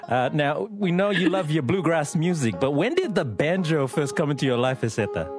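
A man hosting a radio interview, talking in a relaxed, chatty way with casual slang. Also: on the high side, moderate pace, soft background music. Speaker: radio host.

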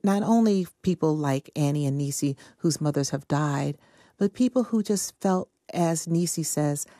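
A woman novelist with a low, mellow voice talks about her book in a reflective, earnest way. The sound is close and dry. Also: no room sound. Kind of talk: interview answers.

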